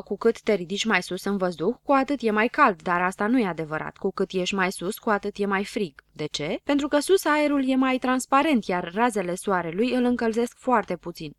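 Brief: female storyteller, clear and lively, close dry studio read. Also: medium pitch, no room sound. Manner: clear, expressive reading. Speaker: audiobook narrator. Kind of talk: storybook narration.

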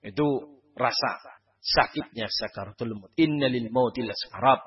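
A man preaching a study sermon, asking the audience rhetorical questions and swinging between loud and hushed delivery. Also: medium pitch, moderate pace, highs cut off.

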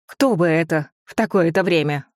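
A man reading an audiobook, voicing a calm, dignified older mother who speaks quietly and gently. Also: a little high, moderate pace, dry recording, clean studio sound, lightly acted. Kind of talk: audiobook character voice.

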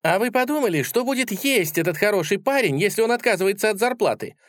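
A man playing a tiny storybook creature who stays cool and sardonic. The voice rides high and wanders in pitch. He sounds close and dry. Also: animated, fast, dry recording. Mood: mocking. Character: calm, sardonic little male creature.

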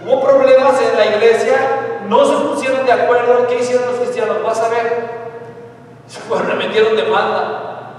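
A man preaching a sermon, animated, questioning his congregation and acting out little scenes. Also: extremely high pitch, normal speed. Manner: animated, asks the congregation questions and acts out voices. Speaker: pastor. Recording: echoey hall miked from far off.

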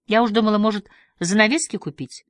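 A woman voicing a cautious, gently firm woman in an audiobook reading. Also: mid-range voice, fast talker, no echo, clean studio sound, pitched above the performer's own voice, lightly acted. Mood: dry.

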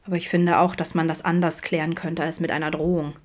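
A woman voicing a friendly young man who talks softly and carefully, in an audiobook. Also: low-pitched, little pitch movement, fast talker, lightly acted. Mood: gentle. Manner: soft, careful, diplomatic. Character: gentle, friendly young man at a summer camp.

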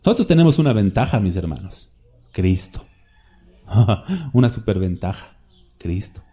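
A man's voice: fairly low pitch, very animated, a little slow, warm tone. A man preaching a sermon in a conversational way, often asking the listeners questions and acting out quoted voices. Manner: acts out quoted voices for examples.

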